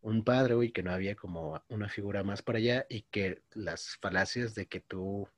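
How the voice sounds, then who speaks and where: Slangy young Mexican man, low voice. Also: normal speed, no echo. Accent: Mexican Spanish. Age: 20s. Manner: slangy, says "güey" constantly, storytelling. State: coughing. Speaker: podcast co-host. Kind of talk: casual chat.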